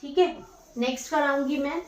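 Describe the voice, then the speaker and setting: This is a high-voiced woman teacher with fairly even intonation and a somewhat quick delivery, dictating exam revision notes word by word while questioning herself and replying. A faint hiss or hum is audible, and the room is echoey, with her voice coming from a distance.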